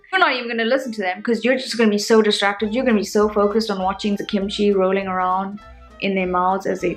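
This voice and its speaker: A woman from South Africa with a South African accent, telling comic stories to camera in a sarcastic, animated way. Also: mid-range voice. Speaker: vlogger. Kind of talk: casual comedic vlog monologue.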